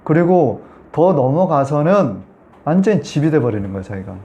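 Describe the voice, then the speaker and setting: A man's voice: on the high side, sing-song, moderate pace, warm tone. A man giving a Sunday sermon as pastor, telling a story and talking to the congregation in a conversational way.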